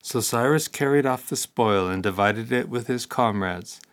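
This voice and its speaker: A man narrating a classic text for an audiobook, in a steady, measured reading voice. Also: mid-range voice.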